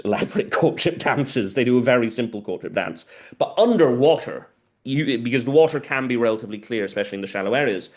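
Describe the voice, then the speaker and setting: A native Spanish speaker from South America, this guest lecturer answers audience questions at a seminar. His medium-pitched voice is a little mellow, and his replies are informal and detailed.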